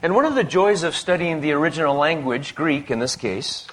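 A man's voice: fairly high pitch, expressive, a bit bright. Emphatic preacher man, short phrases. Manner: pauses phrase by phrase for translation, emphatic. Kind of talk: sermon with live interpreter.

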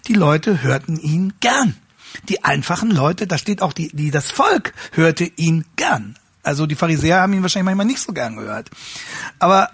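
A man teaching a class on how to preach, earnest and restating his words as he searches for phrasing, rising higher and louder when he stresses a point. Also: breathy edge, no room sound, clean studio sound. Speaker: homiletics teacher. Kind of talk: lecture on preaching.

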